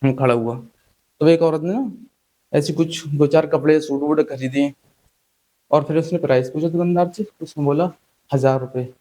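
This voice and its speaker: A man's voice: a little high, normal speed, pauses often, warm tone, poor audio. Chatty male stand-up comedian. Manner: chatty, teasing the crowd, acts out quotes.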